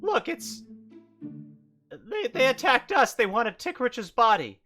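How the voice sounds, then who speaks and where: A flustered male storm sorcerer, as a man puts him on, stammering and pleading in a voice pushed well above his own. He sounds bright and lively, with pitch leaping around. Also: unhurried, soft background music, full character voice.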